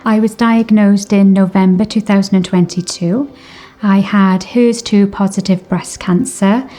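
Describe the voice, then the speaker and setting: A woman's voice: mid-range voice, steady tone, unhurried, dark tone. A woman in her forties chatting about her own experience as a patient, hesitant, with fillers. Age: 40s. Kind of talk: casual chat.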